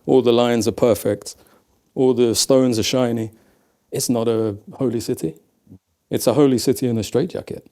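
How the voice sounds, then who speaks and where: A man's voice: mid-range voice, fairly even intonation, normal speed, warm tone. A man from Leicester with an English accent, reflectively telling stories in a casual conversation. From England. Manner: reflective, storytelling, says "man" often. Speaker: guest.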